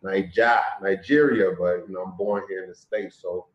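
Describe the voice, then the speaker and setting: A laid-back male podcast host with a low voice, heavy on slang. His voice comes through muffled and echoey, as if from a bare room. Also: normal speed. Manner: relaxed slang, ends lines with "man". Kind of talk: casual interview talk. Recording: dull, roomy sound.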